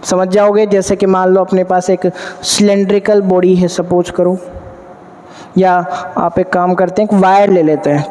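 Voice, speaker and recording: Male physics teacher, high and mellow-toned, drills the class with call-and-answer questions; long hall reverb. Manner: addresses students warmly as 'beta'. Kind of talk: classroom lecture at a board.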